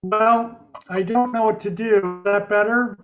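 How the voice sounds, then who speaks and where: A man's voice: high-pitched, fairly even intonation, measured pace, narrow, tinny audio, music in the background. A man chairing a meeting over a conference call that breaks up, plain-spoken with dry asides. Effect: conference call audio, breaking up. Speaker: board chair.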